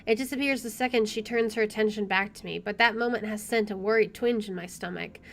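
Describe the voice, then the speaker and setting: Reading a visual novel aloud with lots of expression, a woman let's player adds chatty side comments as game music plays underneath. She speaks fast at a medium pitch, with a little background noise.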